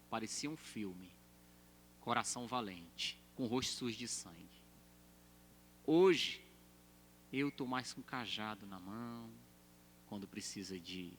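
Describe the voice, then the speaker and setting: A man's voice: medium pitch, fairly bright tone, a little hiss or hum. A man with a Brazilian Portuguese accent preaching a sermon as a pastor, emphatic and repetitive, often calling his listeners brother.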